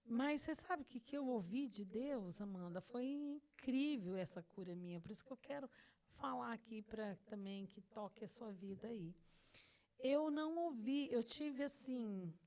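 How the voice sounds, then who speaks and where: A woman's voice: fairly high pitch, animated, moderate pace, warm tone. A middle-aged woman host sharing an emotional personal testimony, earnest and repeating phrases for emphasis. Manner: acts out her own past words to God.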